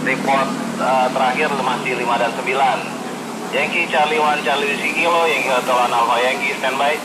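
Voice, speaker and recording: A man's voice: mid-range voice, steady tone, normal speed. A man working as a net controller, speaking in formal police-radio style procedure with spelled call signs. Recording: noisy echoey room, radio and vehicle sounds.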